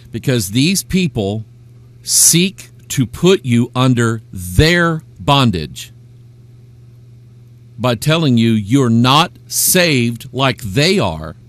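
A middle-aged man preaching on a live webcast, a pastor who retells arguments with rising, emphatic passion. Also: medium pitch.

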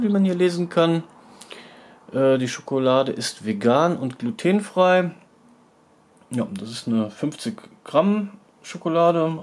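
A man's voice: mid-range voice, darkish tone. A man hosting a casual product review vlog, chatting informally from behind the camera. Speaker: host of an online video channel. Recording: faint background noise.

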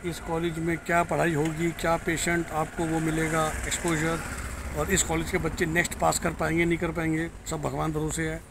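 A man's voice: fairly high pitch, monotone, a little fast, vocal fry, noisy background. A middle-aged man, a career counselor, talking bluntly to a phone camera outdoors in a parking lot. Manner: blunt, frank and warning. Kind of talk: direct-to-camera review vlog. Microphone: handheld phone camera at arm's length.

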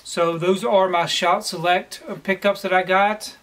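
A man in his forties, seated at home, casually presenting his collection haul with a relaxed, plain manner and frequent pauses. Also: sits high. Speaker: collector vlogger. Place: home room lined with disc shelves, indoors.

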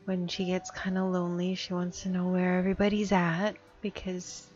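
A woman's voice: on the low side, completely flat delivery, normal speed, a little mellow, muffled recording, soft background music. A woman giving casual gameplay commentary, chatty and often muttering or half-whispering to herself. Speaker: gameplay streamer.

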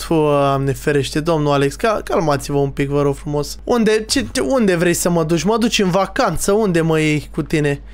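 High-voiced excitable young man gaming. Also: few pauses, clear, resonant tone. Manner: excitable, teasing, talks to viewers and players. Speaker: streamer playing a Minecraft role-play server. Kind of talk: casual gaming commentary.

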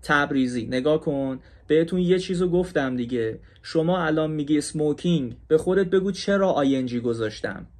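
A man teaching an English grammar class, explaining in Persian and saying each English example slowly and carefully, with questions to his students. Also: a little high, animated, a little mellow. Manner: talks straight to students, asks them questions.

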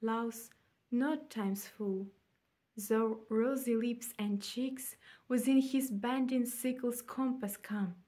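A young woman reciting a sonnet aloud in a measured way with pauses, recorded in a room at home. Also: fairly high pitch, mellow. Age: young adult. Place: small indoor room at home.

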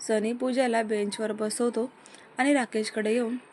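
A woman reading a romance story aloud in Marathi, voicing each character's lines in a lively way. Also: a little high, measured pace, slight background noise.

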